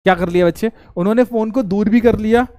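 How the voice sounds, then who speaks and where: A male teacher runs a live online lesson with a fairly high voice, recorded close and dry. He keeps throwing questions at his students and repeats key words so they stick. His manner is casual and direct throughout. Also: fast, mellow, dry recording. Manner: addresses students directly, chatty and informal. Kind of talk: live online class lecture.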